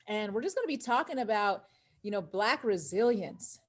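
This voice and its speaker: A woman's voice: medium pitch, animated, moderate pace. A woman hosting a live-stream interview over a video call, upbeat and speaking straight to her viewers. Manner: upbeat, addresses viewers directly. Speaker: host.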